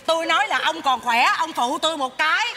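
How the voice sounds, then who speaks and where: An actress playing a greedy, brash widowed mother, loud and joking on a theater stage. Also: sits high, brisk, close to an everyday voice. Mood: complaining. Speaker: mother in a stage comedy sketch. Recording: live stage audio with noise.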